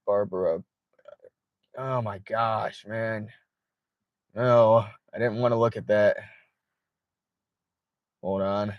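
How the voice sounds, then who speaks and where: A man's voice: fairly low pitch, fairly even intonation, slow, pauses often, no room sound, muffled recording. A man hosting a casual late-night livestream from inside his car, reading viewer chat aloud, swearing freely and laughing often. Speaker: livestream host.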